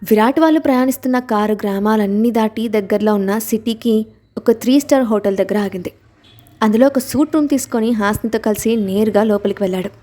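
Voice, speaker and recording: A woman narrating an audiobook in a steady, expressive way. Her voice is mellow and dark in tone yet sits somewhat high in pitch, and she reads at an even, unhurried pace. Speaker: story narrator.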